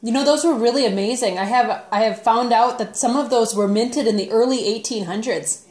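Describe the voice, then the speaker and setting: A woman's voice: a little high, a little fast, a little mellow. A woman casually interviewing someone in conversation, asking questions and reacting briefly to the answers. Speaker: interviewer asking a relative about his past. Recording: echoey room, home recording.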